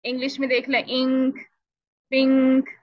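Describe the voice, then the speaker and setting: A woman teaching Quran recitation in an online lesson, explaining patiently and repeating syllables to demonstrate, clearing her throat now and then. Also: on the high side, normal speed, no room sound. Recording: dull lo-fi dry audio.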